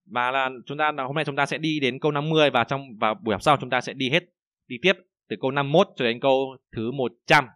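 A young man with a Vietnamese accent teaches an online Chinese pronunciation class in a bright, forward voice. He chats loosely, repeats himself and fills pauses with "uh". The sound is dry and close, with no room around it. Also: medium pitch, dry recording. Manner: chatty, repeats words, many fillers; slow, loud model readings of Chinese phrases.

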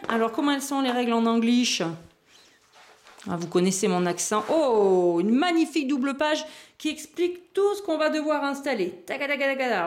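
Chatty woman unboxing a board game. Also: high-pitched. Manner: chatty, thinks aloud while handling items, small laughs. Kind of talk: casual unboxing commentary.

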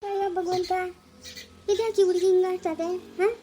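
A woman's voice: very high voice, flat delivery, normal speed, heavy background noise. A woman playing a worried young village woman who scolds and pleads with a girl, with a rural Chikkaballapur Kannada accent, in a comedy skit. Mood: scolding.

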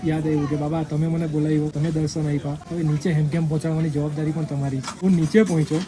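Quick, high-voiced man telling a heartfelt story. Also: level tone, crowd noise. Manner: earnest and reflective, gently emotional. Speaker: pilgrim telling a personal story. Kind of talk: heartfelt personal storytelling to camera. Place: outdoors at a mountain pilgrimage site.

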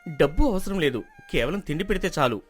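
An earnest young villager pleads his case with lively rises and falls in pitch, as a man acts him out. He argues quickly and firmly, like a hero in a storybook drama. Soft music plays underneath. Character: earnest young male villager, calm and persuasive.

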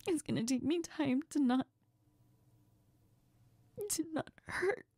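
In an intimate audio role-play, a woman plays a young best friend who is heartbroken and doubting herself, crying, sniffling and hurt as she speaks haltingly, almost in a whisper. Her high voice is a little mellow, and the recording is dry.

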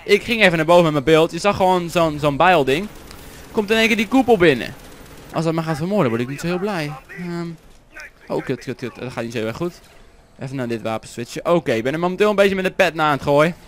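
A Dutch teenage boy doing excitable Let's Play commentary, swearing and yelping at setbacks and humming along as he plays. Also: a little high, quick pace. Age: teens. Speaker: gameplay commentator. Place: home room with a vacuum cleaner running outside.

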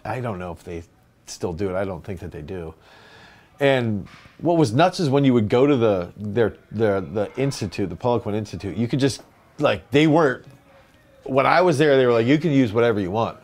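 A man's voice: medium pitch, expressive, fairly quick, a little mellow. A man, a strength coach co-hosting a podcast, telling a rambling anecdote in casual chat. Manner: rambling anecdotes with quoted voices.

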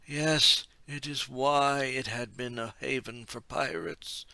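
Man putting on an ethereal male oracle, slow, soft, bright tone with a gravelly edge. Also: medium pitch, steady tone, no echo, pitched above the performer's own voice, full character voice. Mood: solemn. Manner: slow, hushed and measured.

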